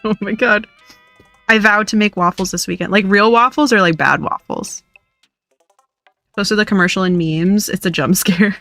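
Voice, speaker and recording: A female streamer with a mid-range, fairly bright voice keeps up a brisk, casual, playful chat with viewers as she games, often breaking into laughter. The close mic is dry, with no room sound and faint music in the background.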